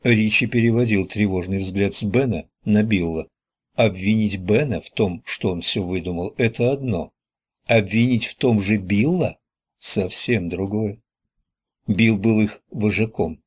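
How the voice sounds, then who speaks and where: Low husky male audiobook narrator. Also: moderate pace. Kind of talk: scripted narration.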